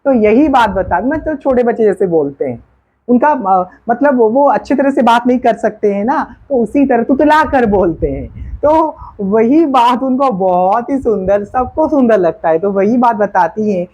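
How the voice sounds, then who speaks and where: A woman teacher slowly explaining poetry lines to students, repeating words and their meanings. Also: a little high, lively intonation, a little mellow, breathy edge. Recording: dull lo-fi classroom recording.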